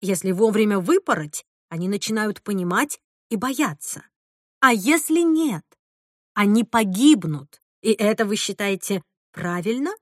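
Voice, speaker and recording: A woman's voice: mid-range voice, lively intonation, unhurried, no echo, studio quality. A woman voicing a stern older grandmother who speaks in a clipped, firm, lecturing manner in an audiobook. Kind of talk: audiobook character reading.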